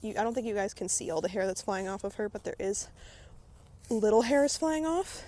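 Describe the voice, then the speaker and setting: A woman's voice: mid-range voice, fairly even intonation, fast talker, darkish tone. Breathless chatty woman vlogging at a barn. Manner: chatty, rambling, with frequent filler words. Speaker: vlogger and horse owner. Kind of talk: casual chatty vlog while grooming a horse. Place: outdoors at a barn.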